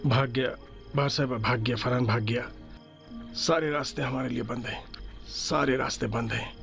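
A hopeless, guilt-ridden man in a TV drama who talks in a gravelly, bright-edged voice. He pleads and sounds on the edge of tears. Soft music plays faintly behind him. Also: mid-range voice, fairly even intonation. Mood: distraught. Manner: anguished, pleading, breaks down weeping. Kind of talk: dubbed TV drama acting.

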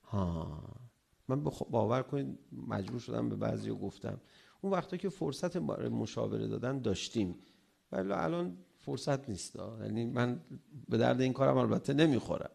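A middle-aged man delivers a sermon with a gravelly edge to his voice. He is animated, and his voice climbs when he acts out arguments between spouses. His pitch sits in an ordinary middle range. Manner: animated, acts out quarrels in a raised voice. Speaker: cleric giving a religious talk on marriage.

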